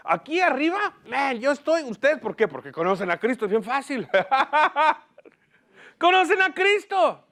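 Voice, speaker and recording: Male pastor, high voice, lively sermon with questions to the congregation, slips in English words. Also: measured pace. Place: church platform.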